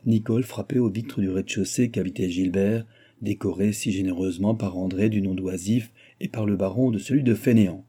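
Dark, husky male audiobook narrator. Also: on the low side. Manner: steady, literary storytelling. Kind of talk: scripted narration.

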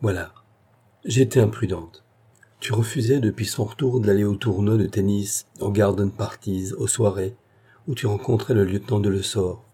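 A man's voice: fairly low pitch, moderate pace, warm tone, husky. A man voicing an anxious young woman in a read-aloud love story, pleading in a trembling tone. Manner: pleading and tremulous. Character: anxious young woman confiding to her cousin.

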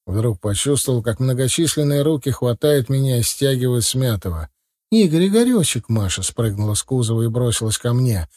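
A man reading a first-person audiobook in a steady, measured way. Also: mid-range voice, no room sound, studio quality. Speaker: audiobook narrator.

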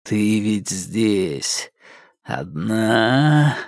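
A man reading an audiobook, voicing an unstable male killer who talks in a low, drawn-out, sluggish voice. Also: sing-song, no echo, studio quality, exaggerated voice. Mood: slow menace. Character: unstable male killer, menacing, erratic temper.

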